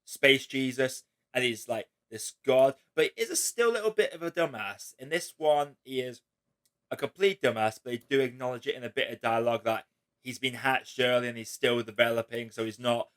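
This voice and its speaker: A man's voice: medium pitch, normal speed, a bit bright. A man hosting a casual film chat, rambling with lots of filler words and casual swearing. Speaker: host.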